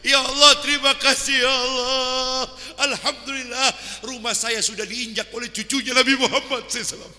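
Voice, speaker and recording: A man's voice: very high-pitched, little pitch movement, brisk, hardly any pauses, bright, forceful tone, pitched above the performer's own voice, full character voice. A male preacher voicing a poor, pious old teacher who pleads and exclaims through tears, in a sermon story. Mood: tearfully grateful. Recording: long hall reverb.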